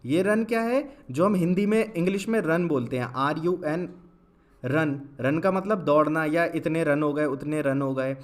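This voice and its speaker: Young male Hindi teacher, fairly high voice. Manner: asks questions and answers them himself, drawn-out syllable-by-syllable spelling. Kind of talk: classroom-style lesson.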